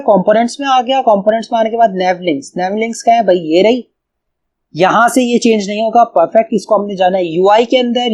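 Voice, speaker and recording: A man's voice: sits high, darkish tone, lo-fi sound. A man from Pakistan with a Pakistani Urdu accent, casually thinking aloud through a coding tutorial and often calling the viewer brother. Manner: casual, thinks aloud, keeps saying "bhai". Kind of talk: screen-recorded coding tutorial.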